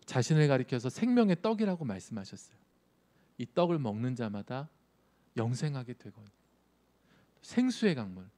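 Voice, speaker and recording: Guy preaching to teens, chatty sermon, asks lots of questions, warm mellow voice. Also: medium pitch. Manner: conversational, asks the audience questions. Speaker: youth pastor.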